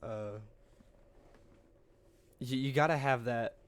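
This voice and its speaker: A man's voice: medium pitch, slow, clean tone. A man in his late twenties co-hosting a podcast in casual chat, laid-back and jokey, laughing often and swearing. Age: late 20s. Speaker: podcast co-host.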